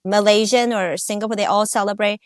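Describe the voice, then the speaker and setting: Podcast co-host: a woman, mid pitched and chatty, recorded close and dry, who asks questions and goes off on tangents. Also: fairly even intonation, fairly quick, no room sound. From Taiwan. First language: Mandarin. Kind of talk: casual chat.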